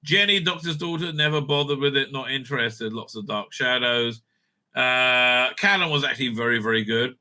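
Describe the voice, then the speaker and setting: At a moderate pace, a man with a pushed, bright, mid-range voice gives rambling, opinionated commentary as a YouTube host and reviewer. He comes across as blunt and dismissive, repeating himself often and swearing.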